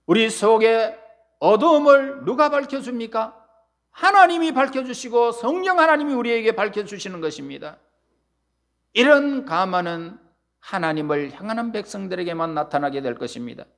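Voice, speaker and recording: A man's voice: high-pitched, lively intonation, normal speed, a bit bright. A male pastor preaching a sermon in church, pressing words with rising emphasis and letting phrase endings fall away. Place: church sanctuary.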